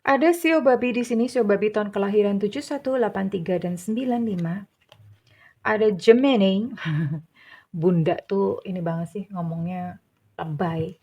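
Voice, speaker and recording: A woman's voice: mid-range voice, darkish tone. Middle-aged lady doing a tarot reading, chatty, teasing, laughs a lot. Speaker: tarot reader. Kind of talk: casual tarot reading to viewers.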